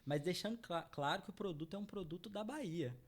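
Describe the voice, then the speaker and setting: Speaking quickly in a high-pitched voice, a middle-aged man from Minas Gerais, Brazil, explains his chocolate brand in an interview. He's earnest, addresses the audience, and keeps repeating "né?" ("right?").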